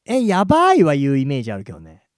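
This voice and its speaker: A man hosting a casual podcast chat, easygoing, dropping a drawn-out "sa" between phrases. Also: on the high side, dry recording, studio quality. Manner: relaxed, stretches phrases with trailing sa. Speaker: host.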